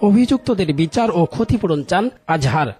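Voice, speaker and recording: Male news reporter, formal scripted voice-over, higher register. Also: brisk, husky. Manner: steady formal news reading.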